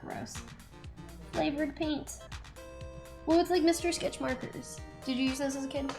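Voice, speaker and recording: A woman's voice: high-pitched, fairly even intonation, a little slow, over music. A woman in her thirties hosting a stream, chatting casually and laughing often while she paints. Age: 30s. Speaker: stream host. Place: studio set with a table.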